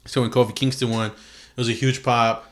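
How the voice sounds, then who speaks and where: A man's voice: mid-range voice, level tone, moderate pace. A man hosting a podcast in a casual, slangy chat, peppering his talk with "dude" and "like". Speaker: podcast host. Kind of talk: casual chat about wrestling.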